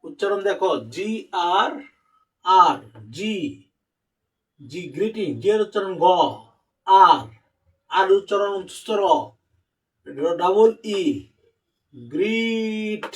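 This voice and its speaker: High-voiced man teaching English slowly. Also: distant mic, poor audio. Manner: spells out letters slowly, addressing students directly. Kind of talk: spelling and pronunciation lesson.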